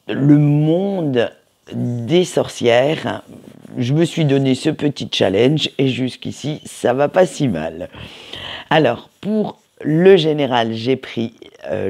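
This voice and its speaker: A man's voice: medium pitch, creaky, a little mellow. A man giving a casual weekly tarot reading, hesitant and full of fillers and restarts. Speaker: tarot card reader.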